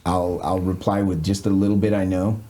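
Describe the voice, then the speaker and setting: A man's voice: low voice, flat delivery, brisk, warm tone. A man hosting a podcast, chatting casually and cracking jokes. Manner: joking, wisecracking. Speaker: podcast host. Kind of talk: casual chat.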